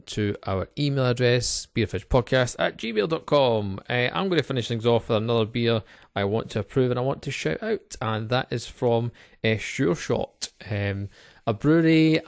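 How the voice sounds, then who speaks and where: An informal, chatty man hosts a podcast review. His mid-pitched voice has some creak to it, and it is recorded dry and close. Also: expressive, normal speed, no room sound. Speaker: podcast host and beer reviewer. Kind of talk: casual podcast beer review.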